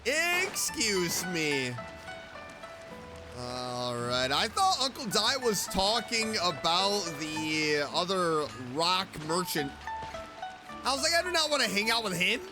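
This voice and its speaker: Over game music, a woman streamer provides casual let's play commentary, reacting aloud to the game's characters in a playful, chatty way. Her voice is lowish and sing-song, and she takes her time.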